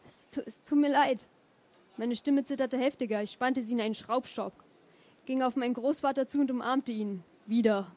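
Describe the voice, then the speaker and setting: A woman reading a novel aloud in first person, pausing to add hesitant comments between chapters. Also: fairly high pitch, a little mellow. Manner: hesitant fillers when talking freely. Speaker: reader of a novel.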